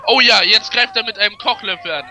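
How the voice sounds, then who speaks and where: A man's voice: high-pitched, quick pace, noisy background. A man doing sarcastic, joking mock wrestling commentary. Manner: sarcastic, jokey.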